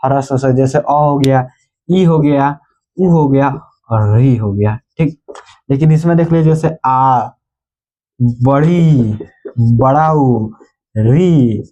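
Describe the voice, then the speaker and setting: A man teaching a grammar lesson. He keeps asking his pupils questions, answers them himself and repeats key terms slowly so they can be written down. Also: a little high, warm tone. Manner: addresses viewers as "bhai".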